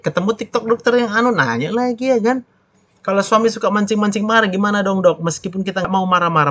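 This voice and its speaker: Animated preaching man, dry close sound. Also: a little high, no echo. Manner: animated, swings from loud exclamations to soft quiet asides. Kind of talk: live-stream preaching talk.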